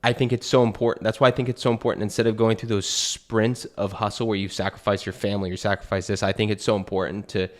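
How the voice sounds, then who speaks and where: This young American man, a podcast host and new real estate agent in Portugal, has a lowish, level voice and talks fast with few pauses. He hosts a casual conversation, speaking earnestly and thinking aloud with many fillers.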